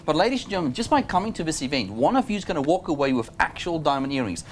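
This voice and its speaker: A man's voice: a little high, big pitch swings, very fast, a little hiss or hum. A man with a South African accent, enthusiastically promoting shop events like an upbeat salesman. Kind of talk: upbeat promotional announcements in chat.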